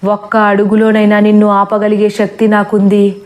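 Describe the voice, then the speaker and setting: A woman's voice: medium pitch, completely flat delivery, normal speed, lightly acted. A woman reading as a mocking vengeful spirit woman. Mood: taunting. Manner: taunting, shouting threats. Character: vengeful female forest spirit, mocking and cruel.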